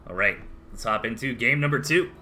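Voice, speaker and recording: A man's voice: mid-range voice, a little fast, bright, forceful tone, soft background music. A man with a Southern US accent casting a strategy game match live, chatty play-by-play with casual asides. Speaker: esports caster.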